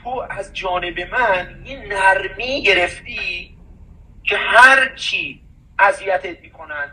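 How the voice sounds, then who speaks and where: A man in casual conversation, talking in an animated, preachy way and reciting verses as he goes. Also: sits high, distant mic, a little hiss or hum, rough recording. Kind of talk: casual chat.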